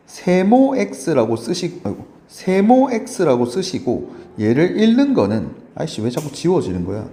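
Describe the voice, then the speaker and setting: A male math teacher explains with a swinging, animated pitch and a mellow, dark tone. He keeps turning to his students to ask whether they follow, chatty and encouraging. His voice rings a little in a roomy space. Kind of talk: lively lecture to students. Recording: roomy echo.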